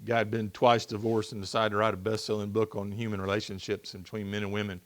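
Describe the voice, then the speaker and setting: A man's voice: lowish voice, fast. A male pastor preaching a sermon, asking the congregation questions and acting out the voices of people in the story. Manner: animated, asks the congregation questions and acts out voices. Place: church sanctuary.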